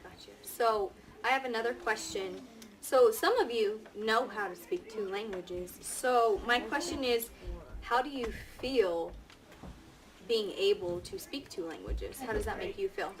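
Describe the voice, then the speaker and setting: A woman with a voice on the high side and a slightly slow delivery teaches a class. She reads aloud expressively and asks her pupils questions, with faint classroom noise in the background.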